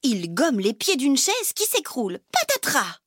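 A woman reading a children's story aloud in a slow, expressive way, often dropping to a whisper. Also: high-pitched, slightly rough, no echo, studio quality.

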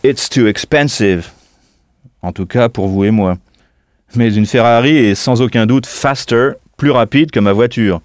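A man teaching as a language tutor in a scripted audio lesson, speaking slowly and spelling words out letter by letter. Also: mid-range voice, darkish tone, no echo, clean studio sound.

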